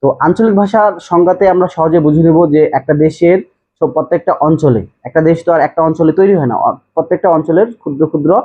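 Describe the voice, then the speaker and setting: A man's voice: on the high side, husky. A man from Bangladesh teaching a class, explaining terms step by step, repeating key words and checking that students follow. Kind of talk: classroom lecture. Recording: tinny phone-like audio.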